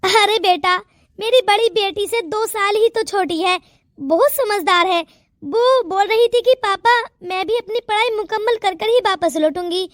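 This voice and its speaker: A woman's voice: very high-pitched, unhurried, fairly bright tone, no echo, clean studio sound. A woman voicing a stern, wealthy older father in a cartoon, speaking in a commanding, fatherly way. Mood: earnest.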